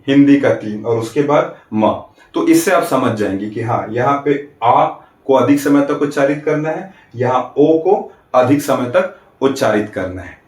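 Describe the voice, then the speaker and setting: A man teaching an exam-prep grammar class, walking through each point and checking in with quick rhetorical questions. He stretches out vowels to show how they sound. His voice sits a little back from the mic in a roomy space. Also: medium pitch, recorded from a distance. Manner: explains step by step, asks rhetorical checks; draws out vowels to demonstrate.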